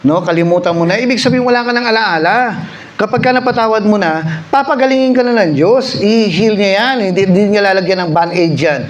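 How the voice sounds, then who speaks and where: A man's voice: high voice, fast talker. A male pastor preaching a sermon in a church, telling a story and repeating lines for effect. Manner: storytelling, acts out voices, repeats phrases for effect.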